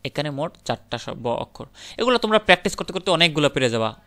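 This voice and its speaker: A man's voice: a little high, sing-song, fast talker, sharp tone. A man teaching English grammar, explaining step by step and answering his own questions to the students. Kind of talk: classroom lecture.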